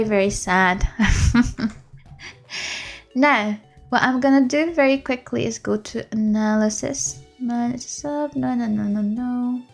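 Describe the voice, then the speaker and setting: A woman's voice: on the high side, creaky. A woman game streamer chatting casually on a live stream from a room at home, rambling and laughing often. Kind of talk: casual livestream chat.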